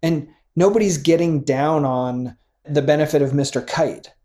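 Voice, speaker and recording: Middle-aged male co-host, chatty and animated, swears casually, wanders mid-thought. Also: a little high, moderate pace. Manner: animated, profane, rambling with fillers. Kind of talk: casual chat about music.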